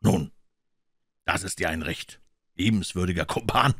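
A male reader voicing a calm, polite detective who stays unruffled and reasons things through. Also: deep voice, unhurried, breathy edge, no echo, studio quality, heavily acted. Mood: wry.

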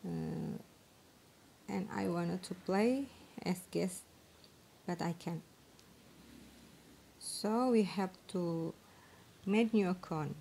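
A woman walks through an informal tutorial in halting, broken English, often groping for words. Her voice is mellow and unhurried with plenty of creak. It is an amateur phone recording with faint noise behind it. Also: lowish voice. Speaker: tutorial presenter.

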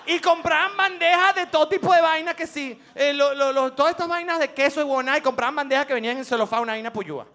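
A man with a Venezuelan accent doing a comic monologue as show host, animated and laughing, slipping into mock voices. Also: very high voice, fast talker, few pauses, slight background noise. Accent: Venezuelan Spanish.

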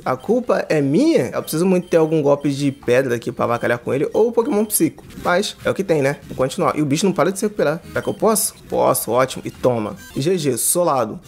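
Young male gaming commentator, quick and a bit high-voiced, excited and slangy, faint game music behind. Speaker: gaming YouTuber. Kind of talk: casual gameplay commentary.

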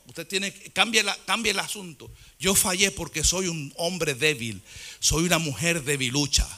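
A man delivers a passionate sermon, his voice pitched high and strikingly bright. He shifts between plain exhortation and a chanting, sung rhythm as he preaches. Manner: fervent preaching, chanting in a sung cadence at times. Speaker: pastor.

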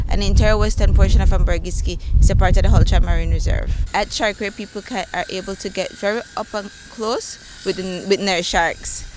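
A woman explaining her work as a manager in an interview, halting and correcting herself. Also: medium pitch. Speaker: marine reserve manager being interviewed. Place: outdoors by open water. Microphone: handheld interview microphone. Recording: outdoor noise, faint engine hum.

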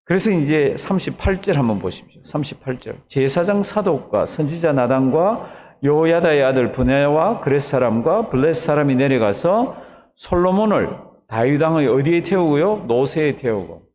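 Lively-voiced Korean man preaching. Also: a little high, moderate pace. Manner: animated storytelling, asks the congregation questions and acts out quotes. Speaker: pastor. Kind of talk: early morning sermon.

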